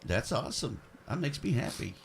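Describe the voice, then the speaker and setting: A man's voice: mid-range voice, sing-song, a little fast, creaky, a little hiss or hum. Chuckling male radio co-host. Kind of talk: casual radio banter.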